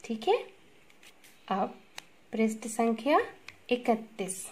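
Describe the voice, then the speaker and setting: Lady teacher going slow, says each word for kids to repeat, kinda high voice. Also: animated, darkish tone. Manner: slow, drawn-out call-and-repeat drilling of words. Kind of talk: Hindi grammar lesson for young children.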